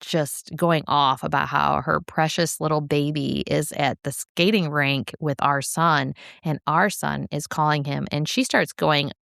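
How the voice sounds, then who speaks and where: A woman's voice: deep voice, unhurried, gravelly, hardly any pauses, dry recording, studio quality. A middle-aged woman co-hosting a podcast, telling a family story in casual chat, laughing often and acting out the people she quotes. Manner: animated, laughing, acts out quoted speech. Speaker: podcast co-host.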